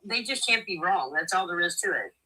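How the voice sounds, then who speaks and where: A woman's voice: fairly low pitch, animated, fairly quick, pushed and bright, slightly rough, low-quality recording. A woman in casual chat, speaking earnestly and sympathetically.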